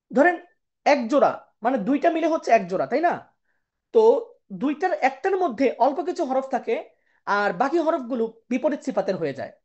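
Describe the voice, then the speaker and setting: Brisk woman teaching in a lo-fi recording. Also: sits high, a little mellow. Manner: explains patiently, checks in with "ঠিক আছে?" and "কেমন?"; chants Arabic terms slowly in pairs. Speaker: Quran recitation teacher. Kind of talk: online tajweed lesson.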